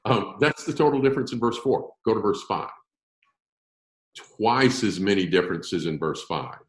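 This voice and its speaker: A man with a lowish voice lectures on scripture, his pitch swinging widely as he stresses points. He slows deliberately over important words. The sound is roomy and echoey. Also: lively intonation. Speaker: Bible teacher. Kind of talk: classroom-style Bible lecture.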